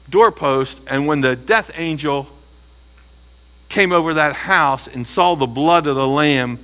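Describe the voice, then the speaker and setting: Male preacher, slightly high voice, animated and emphatic sermon delivery. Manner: animated, rising to near shouting at emphatic points; rhetorical questions to the congregation.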